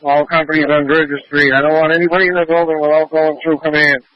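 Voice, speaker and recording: A man's voice: on the high side, flat delivery, fast, no echo. Urgent male fire commander on muffled radio. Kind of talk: firefighter radio traffic. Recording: muffled two-way radio transmission.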